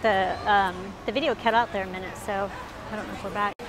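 Holding her phone as she walks, a woman livestreams a chatty, rambling night tour of a waterfront village, often correcting herself. Her medium-pitched voice is steady and fairly quick, with a crowd and loud music from bars and live bands behind her.

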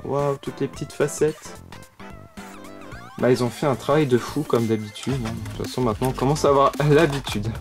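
A man's voice: medium pitch, normal speed. Gushing man unboxing toys over music. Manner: gushing, frequent delighted exclamations. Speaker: toy unboxing vlogger. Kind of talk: casual unboxing commentary. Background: background music.

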